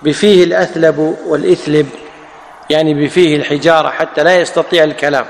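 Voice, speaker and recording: A man's voice: a little high, steady tone, quick pace. A man teaching classical grammar, explaining each word, repeating it and quizzing his students. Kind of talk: classroom lecture with questions to students. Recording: echoey hall with long reverb.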